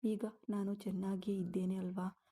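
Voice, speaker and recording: A woman voicing a heartbroken young pregnant wife, read softly in a storybook style. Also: medium pitch, little pitch movement, moderate pace, husky. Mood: sorrowful.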